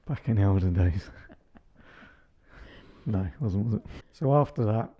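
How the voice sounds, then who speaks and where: A man's voice: on the low side, lively intonation, slow pace, husky, muffled recording. A man in his thirties co-hosting a casual chat podcast with his wife, joking and teasing as he talks. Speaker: podcast co-host.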